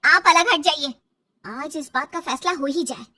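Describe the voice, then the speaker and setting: A woman's voice: a little slow, bright, forceful tone. A woman voicing an anxious, defiant young mother and daughter-in-law who pleads in a raised, upset voice in a storybook tale. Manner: high-pitched, pleading, upset.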